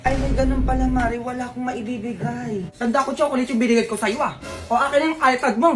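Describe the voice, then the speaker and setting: Brief: woman, slightly high voice, playful gossipy banter for a comedy skit. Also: steady tone, fast talker, music in the background. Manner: teasing, bantering gossip talk. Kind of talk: comic sketch acting.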